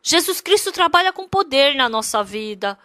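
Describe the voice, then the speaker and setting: A woman's voice: high voice, sing-song, normal speed, sharp tone, no room sound, clean studio sound. A woman interprets a sermon. She speaks emphatically, repeats her points and asks the congregation many rhetorical questions.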